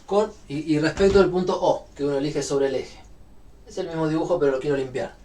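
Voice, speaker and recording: A man's voice: fairly high pitch, steady tone, a little fast, warm tone, far from the mic, slight background noise. A man with a Rioplatense Spanish accent giving a university physics lecture, explaining step by step with frequent fillers.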